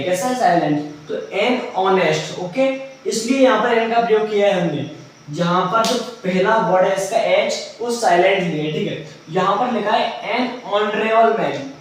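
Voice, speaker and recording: High-voiced male teacher in echoey room. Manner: asks his own questions and answers them; explains step by step, mixing in English terms. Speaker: English grammar teacher. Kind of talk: classroom lesson. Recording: very echoey room, mic far off, faint noise.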